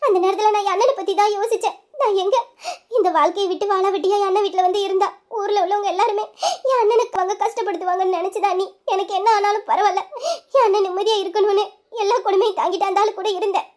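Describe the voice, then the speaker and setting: A high young voice playing a grieving young wife who blames herself over her brother, in a tearful, pleading manner. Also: fairly even intonation, quick pace. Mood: guilty, tearful. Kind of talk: Tamil family-serial storytelling.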